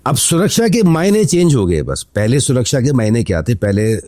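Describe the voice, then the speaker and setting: A man's voice: mid-range voice, very animated, moderate pace, mellow, no room sound, studio quality. A man founder being interviewed on a podcast, explaining at length with anecdotes and slipping English phrases into his talk. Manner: mixes in English phrases while talking. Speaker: matchmaking site founder, guest.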